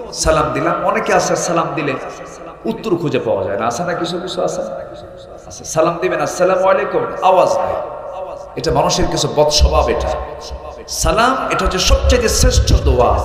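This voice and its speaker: Fiery preacher with booming echo. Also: male voice. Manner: swings from low musing to loud shouted questions at the crowd. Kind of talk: waz sermon with call-and-response. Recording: echoey hall reverb.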